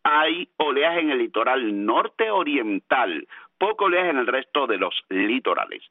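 A man's voice: medium pitch, big pitch swings, unhurried, no room sound. A man giving a live radio weather forecast, chatty and speaking straight to his listeners, repeating key terms. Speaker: radio meteorologist. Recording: narrow-band telephone-like radio line.

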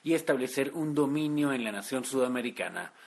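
Male correspondent, husky tone, formal scripted report. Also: medium pitch, expressive, fairly quick. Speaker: radio correspondent.

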